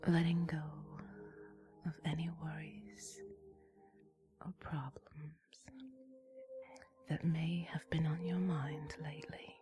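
Female sleep story narrator, lowish whisper, breathy and soothing, unhurried guided relaxation over calm music. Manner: slow, soothing, gently instructing with long pauses. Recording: soft music with singing bowl behind.

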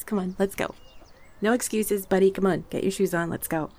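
Slightly stuffy from a cold, a woman performs an ASMR roleplay, moving between gentle talk and whispering. Her medium-pitched voice stays steady in tone, and her pace is brisk.

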